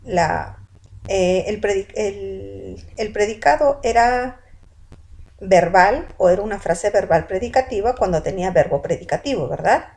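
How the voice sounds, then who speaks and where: A woman's voice: medium pitch, measured pace, creaky, darkish tone, slightly rough. A woman teaching a grammar lesson to students, calling them "chicos" and asking questions she then answers herself. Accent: Peruvian Spanish. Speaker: language teacher. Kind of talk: classroom lecture.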